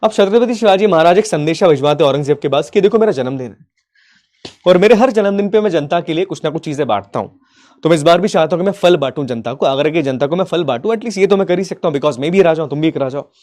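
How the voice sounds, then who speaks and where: A man's voice: on the high side, expressive, darkish tone. Affectionate male teacher, keeps checking in. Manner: keeps checking if students follow, affectionate, addresses them as kids; acts out historical figures' lines in quick asides. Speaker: history teacher. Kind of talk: storytelling history lesson.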